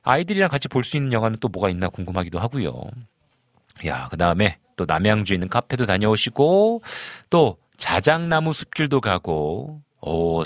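In studio quality with no echo, a fairly low-pitched man in his forties hosts a live stream as a pastor. He reads viewer comments and chats in a chatty, casual way, with warm greetings, frequent chuckles, and plenty of fillers.

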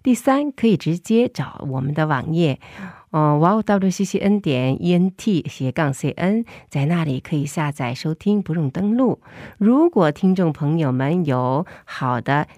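A woman radio host talks casually through a face mask. Her voice is low and mellow, recorded dry in a studio. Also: lively intonation, moderate pace, dry recording. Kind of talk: casual co-hosted programme talk.

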